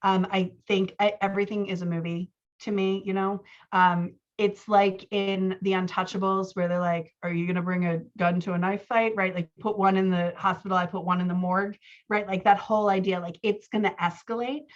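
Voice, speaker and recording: Speaking at medium pitch and a normal pace, a book coach casually critiques a writer's scenes. She mixes her coaching talk with lively, conversational readings of the dialogue, captured in slightly muffled lo-fi sound.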